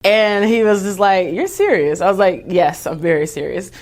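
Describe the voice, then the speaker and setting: A woman's voice: mid-range voice, moderate pace. A woman from Texas, an athlete guest telling her story in a casual interview, talking chattily with lots of "you know" and "like".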